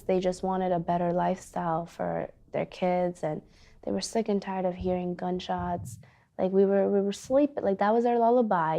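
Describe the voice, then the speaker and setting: A woman's voice: on the low side, creaky, mellow. A young woman from Afghanistan, a teacher, speaking earnestly and reflectively in a documentary interview, with frequent "like" and "you know". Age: young adult.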